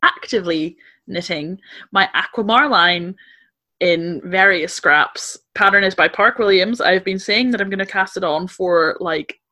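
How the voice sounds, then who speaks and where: A woman co-hosting a podcast over a video call from her flat, chatting in a detailed, laughing way. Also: on the low side, unhurried. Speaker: podcast co-host. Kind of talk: casual chat. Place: main room of a flat at night.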